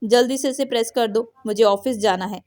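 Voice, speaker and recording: Brief: a shouting, bullying husband, read by a woman in a story, dark and fairly high. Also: brisk, close to an everyday voice. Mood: angry scolding. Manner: shouting orders, scolding. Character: angry domineering husband, grown man.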